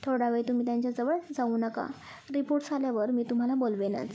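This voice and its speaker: Woman reading as a calm hospital doctor. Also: on the high side, fast talker, muffled recording, close to an everyday voice. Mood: reassuring. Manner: calm, professional.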